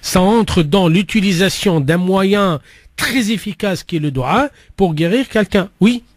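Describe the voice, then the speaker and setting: A man's voice: high-pitched, a little slow, no room sound, studio quality. A man hosting an Islamic radio phone-in, explaining conversationally, repeating words and mixing in Arabic phrases. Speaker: radio host and Islamic teacher.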